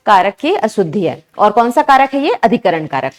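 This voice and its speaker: A woman's voice: mid-range voice, very animated, normal speed. A woman teaching an exam-prep lesson, explaining each answer step by step and constantly asking her students questions.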